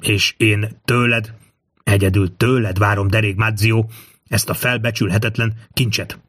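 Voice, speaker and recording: A man's voice: lowish voice, fairly even intonation, a bit bright, no room sound. A man voicing a proud, suspicious old king held captive, commanding and scornful by turns, in a dry close recording. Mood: pleading. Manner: commanding, scornful then pleading. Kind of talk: audiobook character reading.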